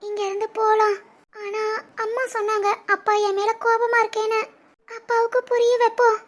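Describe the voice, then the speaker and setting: Woman voicing a very high, regretful young woman. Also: monotone, normal speed. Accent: Tirunelveli Tamil. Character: young woman, spoiled daughter turned remorseful. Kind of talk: animated family story voice acting.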